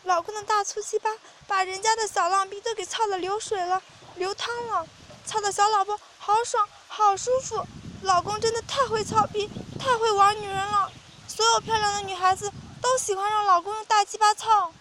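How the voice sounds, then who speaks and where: A woman voicing a frightened young woman in an audio story, pleading loudly in a high, crying voice. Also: steady tone, normal speed, background noise. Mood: submissive. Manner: high, loud, crying pleas.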